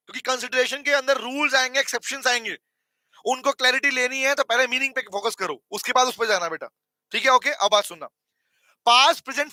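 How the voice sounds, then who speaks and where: Indian male lecturer, very high and bright voice, dry close mic, keeps asking students to reply. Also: no room sound. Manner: addresses students as beta, asks for replies, repeats points; mixes English terms into Hindi. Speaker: teacher. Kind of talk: online commerce law lecture.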